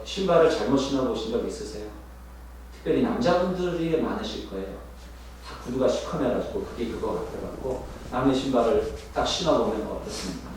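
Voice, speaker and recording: A male pastor preaching a sermon, talking straight to his congregation, with sharp rises and drops in his voice for emphasis. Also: medium pitch. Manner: lively, rising and dropping sharply for emphasis, addresses congregation directly. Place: church sanctuary. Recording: echoey sanctuary, mic at a distance, faint noise.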